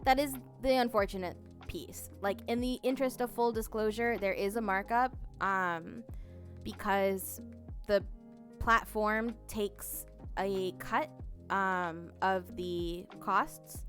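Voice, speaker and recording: Woman live-streamer, unhurried chatty delivery full of "um"s, bursts of bubbly greetings, faint music underneath. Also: medium pitch, a bit bright. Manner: rambling, many fillers and restarts, reads chat aloud. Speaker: streamer reading chat. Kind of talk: casual live-stream chat.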